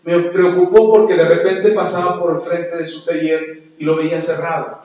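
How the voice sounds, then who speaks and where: A man's voice: a little high, little pitch movement, moderate pace, a little mellow. A man, a pastor, telling a testimony in a sermon and acting out the dialogue. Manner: storytelling, acts out dialogue. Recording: very echoey, distant, dull sound.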